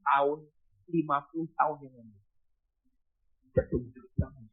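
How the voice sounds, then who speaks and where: A man preaching a sermon as pastor, telling a story with shouted bursts and hushed drops. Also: a little high, normal speed, husky. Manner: animated, shouting bursts then dropping to hushed. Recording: tinny phone-like sound.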